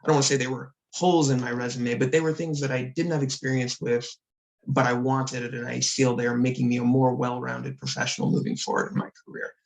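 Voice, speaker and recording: A man speaking on a panel about his career, in a reflective, measured way. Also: mid-range voice, flat delivery, vocal fry, rough recording. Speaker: panelist, consultant. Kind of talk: panel discussion.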